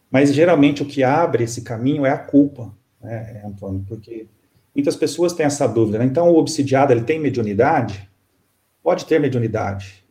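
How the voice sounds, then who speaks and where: Brief: man, spiritist counselor, calm halting storyteller, warm mellow tone. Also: mid-range voice. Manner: calm, halting, many fillers. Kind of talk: storytelling in an interview.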